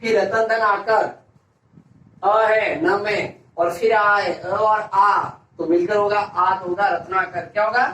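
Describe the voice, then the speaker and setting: In this classroom-style grammar lesson, a male teacher asks a question, supplies the answer and says each answer again. His high voice is bright and forceful, steady and slow. It sounds distant, with room echo and a faint hiss.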